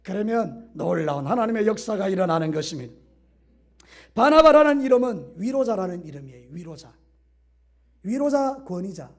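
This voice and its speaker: A middle-aged male pastor preaching a sermon, swinging from loud exhortation to soft asides. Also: high voice, sing-song, normal speed. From Korea.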